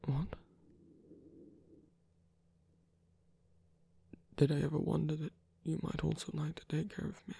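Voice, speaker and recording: A performer whose sex is unclear plays a gentle, weary villain lover in romantic ASMR roleplay, breathy and frequently whispering. The medium-pitched voice holds a steady tone while moving fast, heavily acted, hesitant and gently wry, and it feels tender and yielding.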